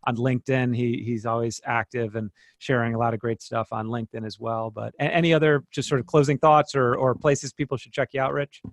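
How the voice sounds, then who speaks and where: A man's voice: mid-range voice, fairly even intonation, a little fast, few pauses, dry recording. A man hosting a podcast, closing an interview in an easygoing way with frequent fillers. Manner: easygoing, with many fillers and restarts while wrapping up. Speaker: podcast host.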